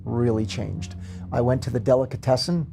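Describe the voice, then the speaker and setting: A man's voice: medium pitch, steady tone, moderate pace, gravelly, over music. A man from Queens, New York, chatting casually on a talk show and telling stories in a conversational way. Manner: conversational, anecdotal storytelling.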